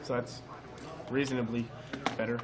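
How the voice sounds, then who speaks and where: This man's medium-pitched voice stays level at a moderate pace as he speedruns a game alongside a partner at a live event, crowd behind him and background noise present. His commentary is casual and rambling, full of fillers and false starts.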